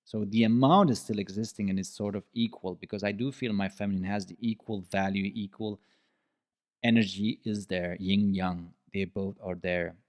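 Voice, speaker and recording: Guy hosting his own podcast, lowish voice, earnest and explaining, repeats stuff for emphasis, english a bit off here and there. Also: fairly even intonation, normal speed. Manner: non-native phrasing and grammar slips. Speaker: podcast host. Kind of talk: reflective solo monologue.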